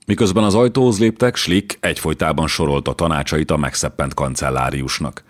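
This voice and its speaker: A man narrating a historical novel as an audiobook, in a measured storytelling manner. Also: extremely low pitch. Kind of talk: scripted narration.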